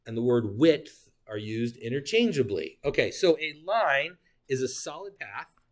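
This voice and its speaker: In this classroom lecture, an animated geometry teacher talks directly to his students, often checking in with them. He corrects himself and cracks quick jokes along the way, his voice at a typical middle pitch for a man.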